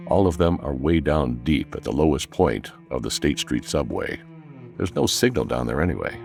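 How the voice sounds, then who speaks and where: A man narrating a first-person horror story in a measured, tense storytelling manner. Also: extremely low pitch, gravelly.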